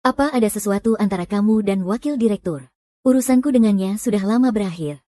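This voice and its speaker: Casting: actress for proud, wronged young working woman in drama dub, soft-toned, dry studio sound, earnest restraint. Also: medium pitch, expressive, brisk, dry recording, close to an everyday voice. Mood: calm, reassuring. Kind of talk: dubbed modern romance drama.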